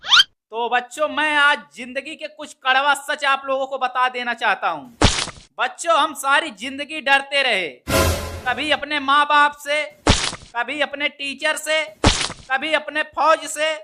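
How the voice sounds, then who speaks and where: Someone playing a blustering, high-voiced male teacher. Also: steady tone, unhurried, very noisy. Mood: lecturing. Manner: insulting, shouting scolds. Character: scolding male schoolteacher, short-tempered and blustering. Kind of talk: comedy skit acting.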